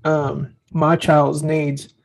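A man with a high-pitched, gravelly voice talks earnestly about parenting in a casual faith-based chat. He tells stories from his own life and acts out the lines of the people in them. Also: monotone, drawn-out words, poor audio. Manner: earnest, storytelling, acts out quotes. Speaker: podcast co-host.

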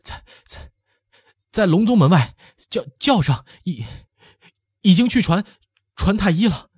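A frantic male palace servant shouts in a strained, high voice, stammering and gasping for breath. The storybook reading sounds close and dry. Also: big pitch swings, unhurried, breathy edge, dry recording, full character voice. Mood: breathless.

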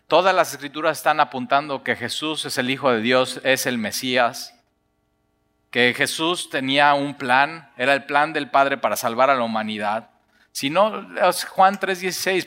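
A man's voice: mid-range voice, bright, forceful tone, long reverb tail. A male pastor preaching a sermon, earnest and emphatic.

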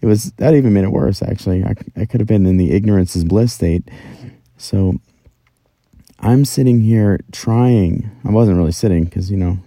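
Low, very dark-voiced man podcasting. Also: normal speed, no echo. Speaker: voice teacher hosting a solo podcast. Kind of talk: casual first-person podcast monologue. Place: inside a closet at home. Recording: very dry, close closet recording.

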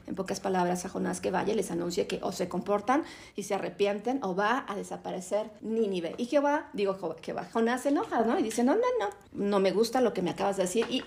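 Mexican woman teacher with a gravelly voice. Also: mid-range voice. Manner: animated storyteller, tags lines with "¿no?". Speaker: Bible class teacher. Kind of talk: Bible teaching.

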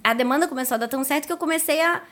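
A woman's voice: sits high, racing. A woman guest on a podcast, casually telling her story and acting out quoted dialogue. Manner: animated, lively retelling with quoted dialogue.

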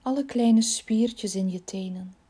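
Slow, soft, breathy woman guiding relaxation. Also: fairly high pitch. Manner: slow, soothing, soft and breathy, often near a whisper. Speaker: relaxation meditation guide. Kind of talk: guided body-scan relaxation.

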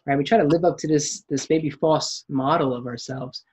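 A man's voice: a little high, fairly even intonation, moderate pace, darkish tone, slightly rough. A man hosting a podcast, talking in a reflective, casual way and often restarting his sentences. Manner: reflective, frequent restarts and acted-out quotes. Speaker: podcast host.

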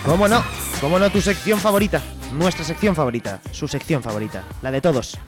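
A man's voice: on the high side, big pitch swings, fast talker, music in the background. A man hosting a comedy podcast, teasing and sarcastic in his banter. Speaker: podcast host.

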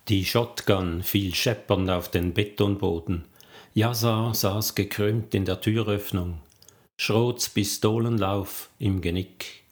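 Deep male voice, slow pace, audiobook crime narration, steady and measured. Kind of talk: scripted crime-novel narration.

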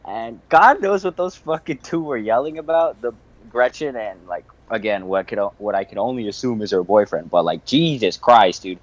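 A young man hosting a podcast, telling a story in a casual, profane, animated way with frequent laughter. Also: mid-range voice, normal speed, no echo, dull audio. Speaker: podcast host.

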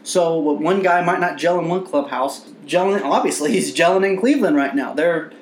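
A man co-hosting a podcast in casual sports chat, animated and profane, laughing often. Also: fairly high pitch, moderate pace, roomy sound, slight background noise. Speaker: podcast co-host.

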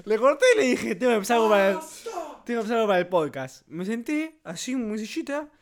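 A young man with an Argentine Spanish accent, co-hosting a podcast in casual chat and telling stories in animated, slangy bursts. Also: sits high, fast talker, crowd noise. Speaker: podcast co-host.

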